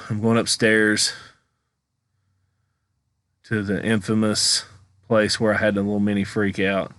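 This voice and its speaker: A man giving casual, halting director's-cut commentary over his own investigation footage, rambling and thinking aloud as a vlogger does. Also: lowish voice, fairly bright tone.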